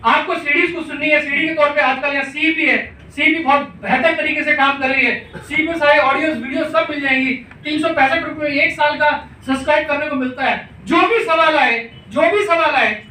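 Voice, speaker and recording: Emphatic middle-aged male mentor, high-pitched, recorded in a roomy space with faint background noise. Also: sharp tone. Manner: emphatic, repetitive, asks rhetorical questions. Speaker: business mentor addressing a team meeting. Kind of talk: motivational talk. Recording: echoey room, mic far off, faint noise.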